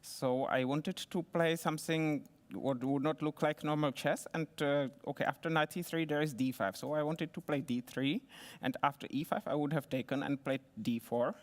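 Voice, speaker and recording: A man speaking as a chess player and interview guest, explaining his game move by move in a halting, methodical way. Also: on the high side, fairly even intonation. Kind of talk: post-game analysis. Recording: reverberant hall acoustics.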